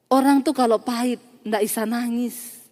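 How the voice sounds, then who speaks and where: A woman's voice: a little high, steady tone, normal speed, warm tone, long reverb tail. A woman preacher delivering a sermon, telling a story with acted quotes, sudden emphasis and laughter.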